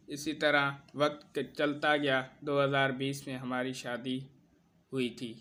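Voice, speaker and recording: A man narrating a personal account in the first person, in a steady, earnest storytelling manner. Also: on the high side.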